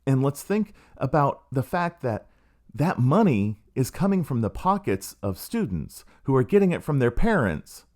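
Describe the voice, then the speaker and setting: Very animated and a little mellow, this mid-range male voice moves at a moderate pace. The speaker is a middle-aged podcast host delivering a sardonic, casual story monologue with acted quotes.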